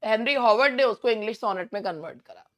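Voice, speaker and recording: A woman with an Indian accent teaching an exam-prep English lesson, going through questions and answers and reading each question out slowly. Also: on the high side, expressive, a bit bright.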